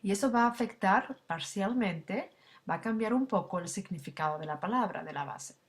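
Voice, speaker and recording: A woman's voice: mid-range voice, lively intonation, moderate pace. A woman language instructor giving a recorded slide lecture, explaining step by step with frequent fillers and tag questions.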